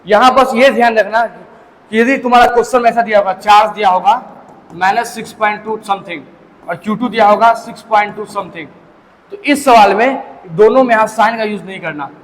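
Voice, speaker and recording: A physics teacher lecturing a live class, repeating key points and checking students follow. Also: male voice, high voice. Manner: repetitive, drilling points home with check-ins. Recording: distant echoey classroom with faint hiss.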